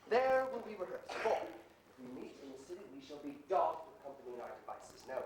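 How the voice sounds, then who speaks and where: A man playing fussy Peter Quince, high and lively. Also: brisk, slight background noise. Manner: fussy, coaxing, laughs often. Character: fussy male carpenter Peter Quince directing players. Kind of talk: stage Shakespeare performance. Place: theatre stage. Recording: roomy stage from far off.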